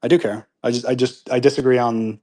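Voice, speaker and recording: A man's voice: mid-range voice, fairly even intonation, a little fast, a little mellow. Rambling man chatting live at home. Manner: rambling, with many restarts and fillers; upbeat and earnest when disagreeing. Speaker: host of a live audio chat room. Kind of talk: casual live chat answering listener comments. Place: at home with pets nearby.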